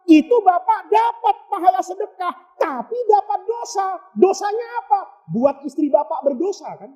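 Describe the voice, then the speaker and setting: A man's voice: extremely high pitch, animated, moderate pace, warm tone. A middle-aged man giving a humorous sermon, telling jokey stories and acting out the voices he quotes. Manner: jokey storytelling, acts out quoted voices, laughs. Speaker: preacher.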